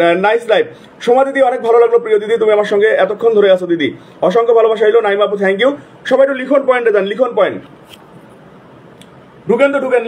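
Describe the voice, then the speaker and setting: A man hosting a live stream, repeatedly calling out viewers' names in rapid, repetitive bursts. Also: extremely high pitch, husky. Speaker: livestream host. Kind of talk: casual live-stream shout-outs.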